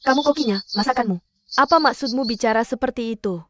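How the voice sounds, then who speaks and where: A woman's voice: on the high side, fast talker, no room sound, lo-fi sound, natural voice. A woman voicing a dismissive young woman who is a restaurant guest, in a dubbed drama. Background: music.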